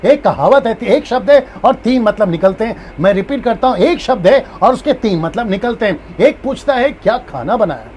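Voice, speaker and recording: A man's voice: extremely high pitch, animated, normal speed, few pauses, darkish tone, slight background noise. A man preaching as a pastor in a live-streamed Bible teaching, who repeats his key points and acts out different tones of a phrase.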